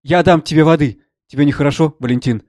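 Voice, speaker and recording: A man's voice: fairly high pitch, fast talker, a little mellow, no room sound, studio quality, lightly acted. A man voicing a tearful, resentful middle-aged wife and mother who pleads and accuses. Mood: distraught.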